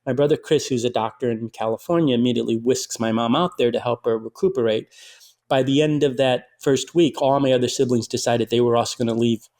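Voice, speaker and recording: A middle-aged writer and filmmaker from Detroit, USA, chats in a conversational interview as an animated storyteller. His medium-pitched voice moves fairly quickly, packed with fillers and restarts.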